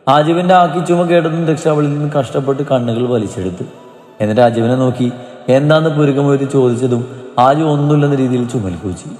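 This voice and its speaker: Mellow-voiced man narrating a story. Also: medium pitch. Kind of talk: scripted narration. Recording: roomy reverb, soft music behind.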